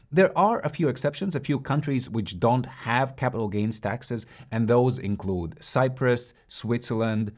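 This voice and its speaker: A man's voice: medium pitch, a little mellow. Man explaining investing taxes. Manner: direct, instructive, brisk. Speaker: investing channel host. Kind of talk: scripted explainer with screen walkthrough.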